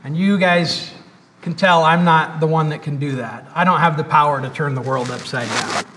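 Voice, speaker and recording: A man preaching a sermon as pastor, with emphatic repetition and pauses, in a church sanctuary. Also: a little high, background noise. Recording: echoey church hall, mic at a distance.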